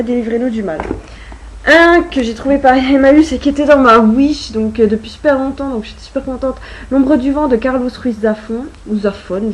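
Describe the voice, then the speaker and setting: Chatty young woman, fairly high voice. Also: darkish tone, a little hiss or hum, poor audio. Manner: chatty, full of hesitations and fillers. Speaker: book vlogger. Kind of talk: casual chat.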